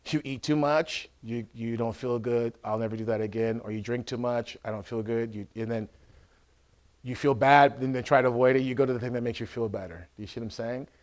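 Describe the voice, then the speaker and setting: A man, an Orthodox priest, teaching in a conversational way, often checking that listeners follow and acting out scenes loudly. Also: mid-range voice. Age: adult with a school-age son. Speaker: Orthodox priest giving a talk.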